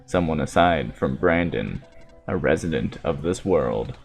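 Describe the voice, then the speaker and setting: A very low, grave robot prophet from a video game, acted out by a man. He is solemn and secretive, speaking in measured, formal and courteous phrases. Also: expressive, creaky, soft background music, full character voice.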